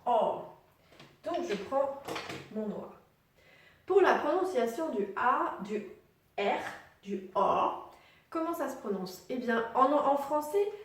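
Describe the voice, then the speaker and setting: A woman teaching English pronunciation online, spelling out letter sounds slowly and patiently and putting questions to the viewer. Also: high voice, far from the mic. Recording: very echoey room, voice set back from the mic.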